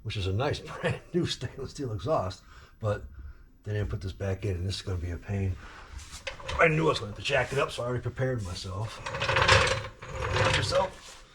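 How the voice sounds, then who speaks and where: A man's voice: on the low side, lively intonation, a little fast, long pauses. Chatty man working in a noisy garage. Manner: chatty, talks while wrenching under the car. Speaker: car restoration vlogger. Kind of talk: casual talk to camera while working. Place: home garage. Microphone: camera mic, no clip-on mic. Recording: noisy garage with tool clicks.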